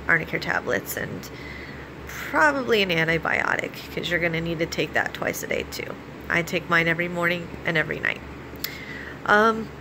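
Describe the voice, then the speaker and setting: An American woman speaks in a slightly low register, in the casual style of a personal vlog. She explains practical steps informally, pausing and feeling for her words. A clearly noticeable layer of background noise runs under her voice. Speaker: vlogger.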